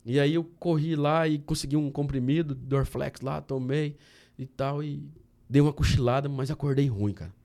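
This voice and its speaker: A man from Brazil, a guest on a podcast, telling a personal story in a casual, animated way and often saying "cara". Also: a little high, moderate pace. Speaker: podcast guest, candy entrepreneur.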